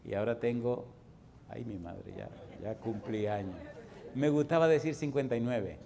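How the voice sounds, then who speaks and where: A man of sixty, a pastor preaching a sermon and telling a personal story, swinging from loud exclamations to low, confiding tones. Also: moderate pace, vocal fry, a crowd in the background. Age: 60s.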